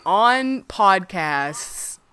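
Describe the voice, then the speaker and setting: A woman co-hosting a casual livestream chat, ranting in a profane, animated way. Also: mid-range voice, drawn-out words, clean tone. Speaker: streamer co-host.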